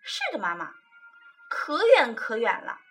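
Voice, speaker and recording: A woman voicing a bold, excited little fox cub who talks loudly and boastfully in a storybook reading. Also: fairly high pitch, measured pace, heavily acted. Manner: loud, boastful and cheerful.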